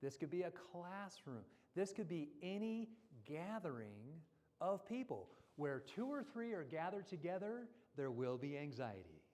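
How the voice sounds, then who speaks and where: A man's voice: on the high side, unhurried. A man speaking at a church seminar in a conversational teaching style, now and then acting out quoted voices. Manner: animated, acts out quoted voices. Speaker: guest speaker. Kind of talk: seminar talk. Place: church hall.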